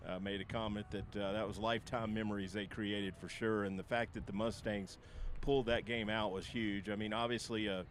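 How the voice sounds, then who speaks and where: A man opening a local baseball broadcast in a relaxed, halting way with many fillers, recorded outdoors with faint traffic behind him. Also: on the low side. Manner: relaxed, hesitant, lots of uh fillers. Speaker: play-by-play broadcaster. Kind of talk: casual broadcast chat.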